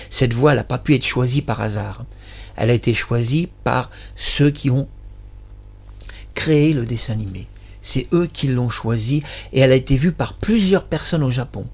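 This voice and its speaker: A man of middle pitch hosts his own channel in a loose, casual monologue. He rambles and praises himself effusively, his thoughts spilling from one to the next. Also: a little mellow. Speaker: channel host.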